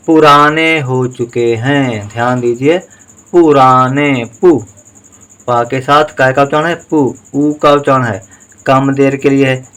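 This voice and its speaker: Slow, patient man spelling out syllables. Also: medium pitch. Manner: patient, sounds out each syllable and vowel sign. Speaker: Hindi writing teacher. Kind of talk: slow spelling dictation lesson.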